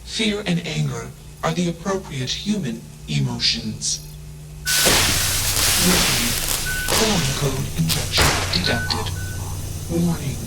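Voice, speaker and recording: A man voicing a cold, literal male ship AI with a flat, emotionless, machine-like delivery in a video game. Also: a little high, slow, gravelly, pauses often, over loud music, heavily acted, rough recording. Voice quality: flat, emotionless, machine-like delivery, announces each statement type. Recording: game audio with loud hum.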